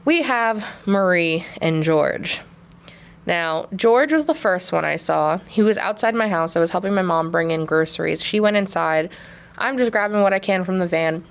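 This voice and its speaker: A woman in her twenties co-hosting a podcast, telling a story in a casual, animated way, full of laughs and "like". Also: on the low side, normal speed, smooth. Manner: animated, laughing, heavy use of "like". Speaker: podcast co-host.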